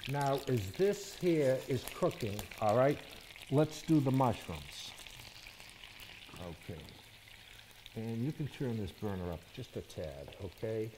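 A man's voice: mid-range voice, animated, slow pace, background noise. A middle-aged man, a chef, giving a cooking demonstration in a studio kitchen and explaining each step, often checking in with "okay?" and "all right?". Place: studio kitchen set, indoors.

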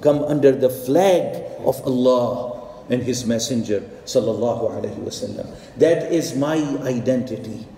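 A man's voice: medium pitch, dark tone, slight background noise. A middle-aged man from Pakistan, preaching an earnest, emphatic sermon as an imam on a headset mic. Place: mosque prayer hall, indoors. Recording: echoey hall with long reverb.

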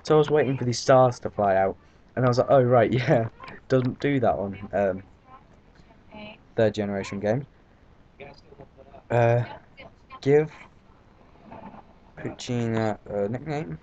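An unhurried British man with a warm, mid-range voice pauses often while giving casual, meandering let's-play commentary full of fillers and swearing. The sound is dull lo-fi, with faint background noise.

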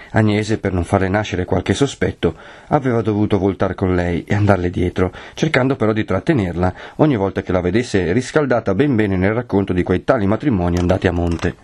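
A man from Italy reading a classic novel aloud as an expressive audiobook narrator. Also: lowish voice. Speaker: audiobook reader.

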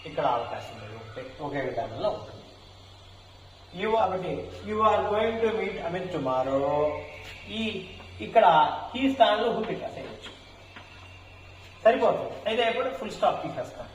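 A man's voice: high voice, sing-song, dull audio. Man teaching grammar in an echoey room. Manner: dictates example sentences slowly, word by word. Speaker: English teacher. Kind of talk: step-by-step grammar lesson. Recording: echoey room with faint hiss.

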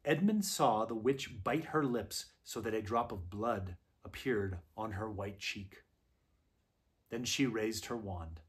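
A man calmly narrating a children's novel aloud at a gentle, measured storytelling pace. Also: fairly low pitch. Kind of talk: unhurried read-aloud narration.

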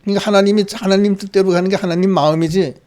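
A man preaching a sermon as pastor, reading scripture and acting out the prophet's complaints in a lively storytelling way. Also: high voice, very fast. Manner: asks the congregation questions. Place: church service.

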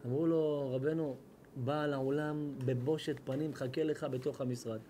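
A man, a rabbi telling a sermon story and acting out its dialogue, swinging between hushed lines and loud bursts. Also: fairly high pitch, fairly even intonation, background noise. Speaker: rabbi giving a Torah lesson. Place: hall at an evening lecture.

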